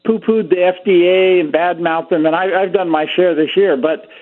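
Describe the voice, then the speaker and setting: Heard through a tinny phone call, a man from Pennsylvania with a high voice speaks at normal speed. He's a doctor appearing as a radio guest, relaxed and talkative as he spins stories in casual conversation.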